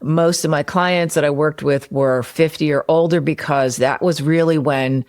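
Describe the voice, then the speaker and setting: A woman's voice: low-pitched, fairly even intonation, normal speed, darkish tone. A woman hosting a solo podcast, explaining marketing ideas in a conversational way with everyday examples. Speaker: podcast host and copywriter; former personal trainer.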